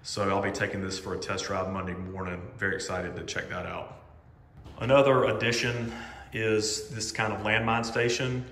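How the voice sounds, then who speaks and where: A man in his forties walks through his home gym with a phone camera, chatting casually and filling pauses with "um". His voice sits a little low but sounds bright and forceful. A long reverberant ring from the bare room hangs behind every word. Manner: relaxed, filler-heavy, chatty. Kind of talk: casual equipment walkthrough. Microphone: phone camera held while walking.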